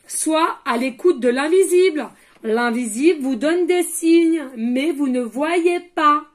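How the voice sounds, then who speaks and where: High-voiced chatty woman medium. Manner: chatty, sprinkles asides and questions to viewers; drops to murmurs when asking the universe for messages. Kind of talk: oracle card reading guidance.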